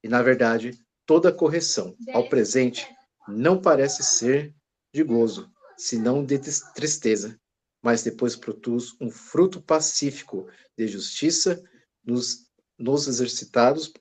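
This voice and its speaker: On a video call heard from a distance, a man in an online church study reads a Bible passage aloud, stumbling, restarting words, and apologizing for it. His voice is medium-pitched, a little slow and mellow, with a breathy edge.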